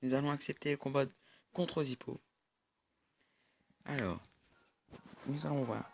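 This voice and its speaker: A young gaming YouTuber with a medium-pitched, slightly slow voice and vocal fry commentates casually over a screen recording of a mobile game. He sounds hesitant, with many fillers and restarts.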